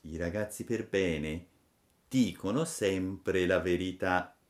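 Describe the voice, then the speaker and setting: A man voicing a soft, stern fairy mother. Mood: gentle. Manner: soft, low and measured, slow and admonishing. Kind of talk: storybook reading.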